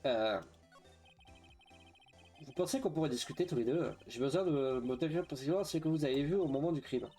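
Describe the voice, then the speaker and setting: A man's voice: on the high side, a little fast, pauses often, mellow, soft background music. A man playing a video game, reading its dialogue aloud with hesitant asides and frequent fillers. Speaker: let's play streamer.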